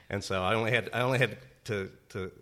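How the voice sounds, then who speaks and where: A man in casual podcast chat, telling stories haltingly with many pauses and ums. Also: on the low side, fairly even intonation, pushed and bright. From Berlin, USA. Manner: halting, many ums, laughs at own jokes. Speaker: podcast guest, writer.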